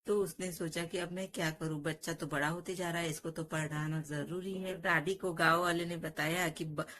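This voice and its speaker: Woman storyteller with a low voice. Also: fairly even intonation, moderate pace, a bit bright. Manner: plain conversational telling with restarts. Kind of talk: moral story narration.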